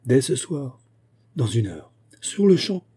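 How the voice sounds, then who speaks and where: A man voicing a weary, fallen male minister in an audiobook, measured and solemn. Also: medium pitch, sing-song, dark tone, slightly rough, voice pushed up, exaggerated voice. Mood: grave.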